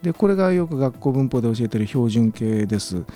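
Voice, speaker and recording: A man lecturing on business in a radio talk, relaxed and full of fillers, slowing down to sound out examples. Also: mid-range voice, soft background music. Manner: relaxed, many fillers, slow careful English examples. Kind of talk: radio lesson chat.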